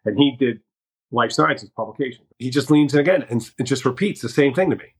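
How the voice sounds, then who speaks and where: Here the same Northeastern sales guest sounds animated and fairly quick, his voice mid-range, as he recounts sales stories bluntly in casual podcast style. He performs his own quoted lines, and the recording is poor.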